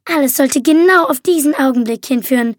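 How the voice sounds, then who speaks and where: A woman's voice: brisk, dry recording, clean studio sound, close to an everyday voice. A woman reader voicing a vengeful, cold young woman who mocks her captives in an audiobook. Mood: mocking. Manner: icy, mocking, shrill when enraged. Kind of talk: audiobook reading.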